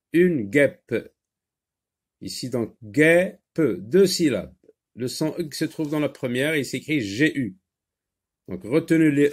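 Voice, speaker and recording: Slow, patient male phonics teacher. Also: mid-range voice, a little mellow. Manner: slow, patient, repeats words and syllables. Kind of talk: French phonics lesson for children.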